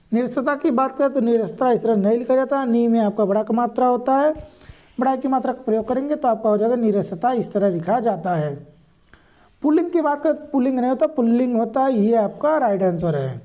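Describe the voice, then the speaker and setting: Speaking straight to her viewers, a woman teaches the correct spellings for an exam. Her voice is fairly high with a dark tone. She goes through each word patiently, explaining and repeating the right answers over and over.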